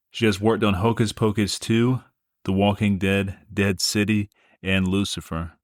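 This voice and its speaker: A man with a very low voice hosts a casual horror podcast. He rambles in a relaxed way, full of fillers and the odd curse. The sound is dry and close, with no room around it. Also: dry recording. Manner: laid-back, rambling, swears casually, many fillers. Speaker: podcast host.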